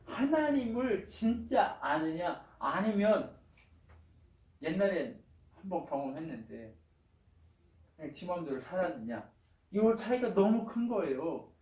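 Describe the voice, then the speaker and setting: In a church sanctuary, a male pastor retells a Bible story as a sermon, voicing the characters' lines and throwing out rhetorical questions. His voice sits fairly high for a man and sounds distant. It is recorded in a reverberant room. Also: very animated, a little slow, pauses often, darkish tone. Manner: storytelling, acts out the quotes, asks rhetorical questions. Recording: roomy echo, mic far off.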